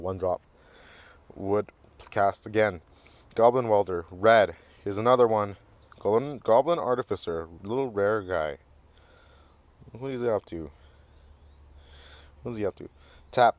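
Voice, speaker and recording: Low-voiced guy goofing around reading cards out loud, jokey channel host. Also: dry recording. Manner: goofy, jokey, reads card text aloud. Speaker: card game channel host. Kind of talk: casual card review commentary.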